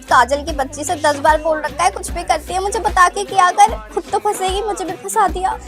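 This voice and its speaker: A woman's voice: very high voice, steady tone, moderate pace, over music. A woman playing a cheeky schoolgirl who talks back, in a comic skit. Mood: nervous. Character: sassy defiant schoolgirl.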